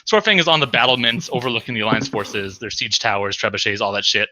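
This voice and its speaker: A man's voice: medium pitch, quick pace, bright, forceful tone, a little hiss or hum. A man co-hosting a casual podcast, explaining video game lore in detail with sarcastic, profane asides. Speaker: podcast co-host. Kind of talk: casual drunk podcast banter.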